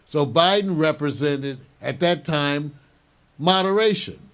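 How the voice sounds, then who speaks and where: An older man hosting a show, giving measured, opinionated news commentary and chuckling now and then. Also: a little high, fairly bright tone, smooth. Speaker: show host.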